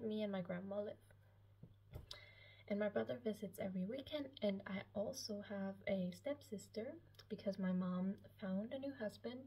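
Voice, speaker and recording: Here the Austrian YouTuber, seventeen and German-speaking, sounds mellow and gravelly at medium pitch, with a breathy edge. Indoors in her small, lived-in room at home, she answers personal questions casually to camera, her talk halting, meandering and self-conscious.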